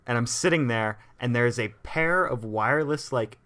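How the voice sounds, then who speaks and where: A man's voice: medium pitch, normal speed, noisy background. A young man co-hosting a podcast, chatting casually and mocking himself with a laugh. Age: young adult. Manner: joking, self-mocking, laughs while talking. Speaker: podcast co-host. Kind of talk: casual chat.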